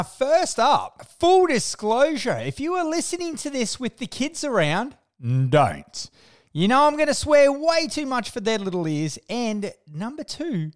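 High-pitched blokey Aussie tradesman podcaster. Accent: Australian. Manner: blokey Aussie tradesman banter, slangy and sweary. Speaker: podcast host. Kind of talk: casual comedic podcast monologue.

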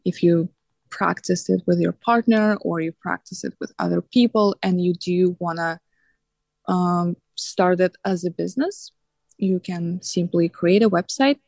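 A Russian-speaking woman who works as a coach and teacher is interviewed on a casual podcast, earnest and using fillers with slightly non-native phrasing. Her voice is low-ish, warm, and has vocal fry, captured in a dry recording.

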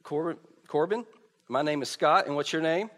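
The preacher speaks at a moderate pace in a fairly high, a bit bright voice, addressing his congregation conversationally and informally. He often stumbles over how his phrases begin. His pulpit or stage microphone feeds a PA in a hall with long, echoey reverb.

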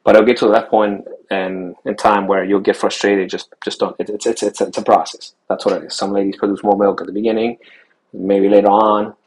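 A man's voice: on the low side, little pitch movement, a little fast, a little mellow, husky, low-quality recording. A young man from Chile hosting his own podcast as a new father, talking casually with many fillers and restarts. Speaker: podcast host. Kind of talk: casual solo podcast talk.

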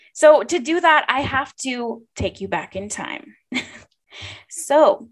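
A woman's voice: fairly high pitch, a bit bright. A young woman hosting a podcast, talking alone in a chatty, informal and confiding way about personal things. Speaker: podcast host.

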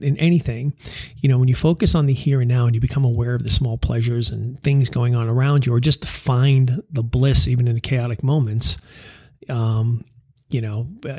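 A man's voice: medium pitch, a little mellow, breathy edge, no room sound, studio quality. A man, a parent, telling a family story in a casual, rambling way, full of "you know" and "right?" asides and chuckling at his own mishaps before turning reflective.

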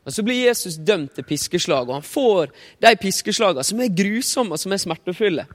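A man's voice: sits high, expressive. A man preaching a sermon, retelling a story vividly and acting out the quotes. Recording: long reverb, faint music.

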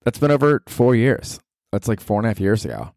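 A man's voice: fairly low pitch, sing-song, fairly quick, creaky, a little mellow, no echo, clean studio sound. An American man hosting a solo comedy podcast in casual chat, profane, rambling and self-mocking. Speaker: podcast host.

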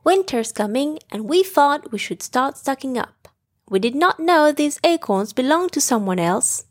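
A woman voicing a small, apologetic male squirrel leader in a storybook, squeaky and polite. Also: very animated, unhurried, no echo, studio quality.

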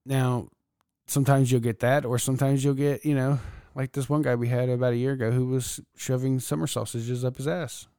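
A man's voice: medium pitch, little pitch movement, brisk, warm tone, clean tone, dry recording, clean studio sound. A man working as a corrections officer, a podcast guest telling blunt, profane stories in casual chat.

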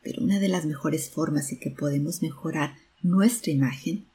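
A woman's voice: low-pitched, moderate pace, dark tone, husky. A woman hosting a self-help podcast, talking in an earnest, encouraging way. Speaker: podcast host. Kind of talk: motivational self-help talk.

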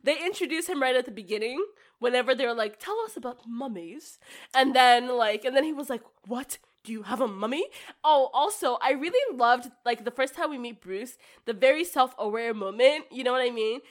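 A woman's voice: high voice, animated, fairly quick. A woman co-hosting a casual movie chat, talking in a chatty, giggly way with lots of fillers. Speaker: podcast co-host.

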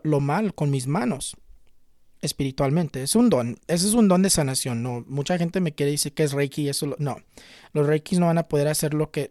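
A man in his twenties, a tarot reader and spiritual healer, telling a personal story in an earnest, unhurried way with frequent restarts. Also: on the high side, dark tone, no room sound, clean studio sound. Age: 20s. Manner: earnest, unhurried, often restarts and repeats words. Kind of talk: casual personal storytelling to camera.

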